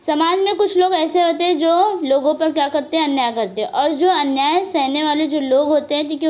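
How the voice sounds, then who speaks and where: A woman teacher explaining a play to students, asking herself questions and answering them, with frequent "okay" fillers. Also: sits high. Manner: asks herself questions and answers them, repeats 'okay' often.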